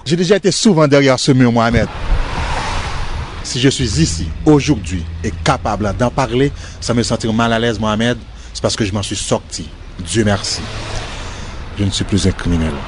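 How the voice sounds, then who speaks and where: A man's voice: mid-range voice, moderate pace, noisy background. A Haitian-born man, speaking earnestly and directly to a named listener, outdoors in front of a prison. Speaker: former inmate speaking to camera. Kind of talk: documentary address.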